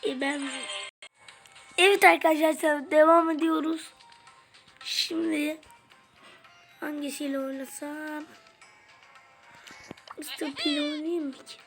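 A woman's voice: sits high, little pitch movement, takes it slowly, pauses often, fairly bright tone. A woman hosting a gaming channel, chatting casually through gameplay and reacting aloud, sounding groggy from just waking up. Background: game music.

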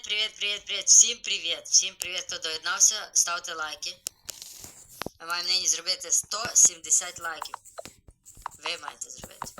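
A man live-streaming a game, chatty and excited, greeting viewers as he plays. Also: sits high, very noisy.

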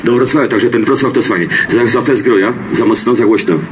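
A middle-aged comedian and singer with a Silesian accent banters with the crowd in dialect from an outdoor stage in a town square, jokey and folksy, repeating himself. His mid-range voice is fast, carried by a handheld mic through loudspeakers. It's filmed from the audience off a live PA with music, with slight background noise.

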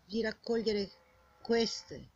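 An older woman with a husky old woman's voice delivers an indignant, scolding monologue straight at the listener, full of rhetorical questions and repeated phrases. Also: mid-range voice, very slow, darkish tone, a little hiss or hum. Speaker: vlogger. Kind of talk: impassioned informal monologue addressed to the viewer. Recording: dull lo-fi sound.

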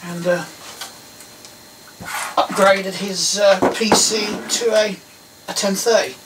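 A middle-aged Englishman speaks slowly in a high, steady voice as he hosts a DIY electronics video. He gives a casual hands-on tutorial, rambling and thinking out loud in a small indoor workroom. Some background noise is picked up by a far-off mic.

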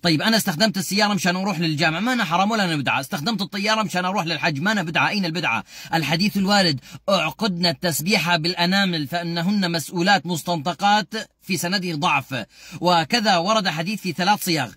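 High, quick-talking preacher man. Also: bright, forceful tone, slightly rough. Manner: earnest, explanatory, quotes scripture at length. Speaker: Islamic preacher. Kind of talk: short religious advice talks.

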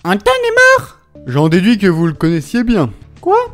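A startled young woman with a squeaky, strained falsetto, put on by a man reading a game's lines. Her voice sits far above his own, and the bright, forceful delivery stays pushed up high throughout. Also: wildly swooping pitch, moderate pace, soft background music, exaggerated voice. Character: surprised young woman, girlfriend.

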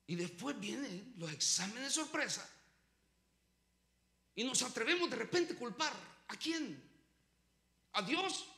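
A pastor preaching a sermon, swinging between loud urgent lines and low quiet ones as he calls his listeners brother. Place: church sanctuary. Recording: echoey church room.

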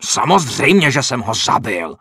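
A man's voice: medium pitch, big pitch swings, sharp tone, husky, dry recording, studio quality, full character voice. A man voicing a boastful, brutish male bandit leader who roars and blusters, in an audiobook. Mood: bellowing. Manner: roaring, blustering.

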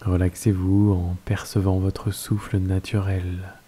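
Calm deep-voiced man guiding meditation. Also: slightly rough. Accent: French. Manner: slow, calm, soft-spoken instructions. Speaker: meditation guide. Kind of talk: guided yoga nidra meditation.

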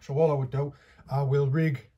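A man's voice: medium pitch, little pitch movement, normal speed, slightly rough, dull audio. A man, casually talking through a hands-on fishing tutorial while he works, in a small indoor workshop. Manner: chatty, practical, talks while working with his hands.

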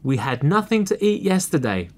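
A man's voice: big pitch swings, moderate pace. A man doing squealing hungry fox cubs. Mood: pleading. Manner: pleading, loud and high. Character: eager high-voiced fox cubs, hungry and whiny.

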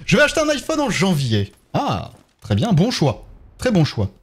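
Lively French-accented male streamer. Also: sits high, moderate pace, husky. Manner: chatty, thanks viewers one by one while playing. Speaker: game streamer. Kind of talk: casual live-stream chat.

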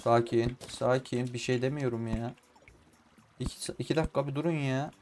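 Young man yelling at his game. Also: medium pitch, steady tone, moderate pace. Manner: talks to himself, swears and shouts at the game. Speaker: gaming YouTuber. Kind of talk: casual let's-play commentary. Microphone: in-ear headphones with mic.

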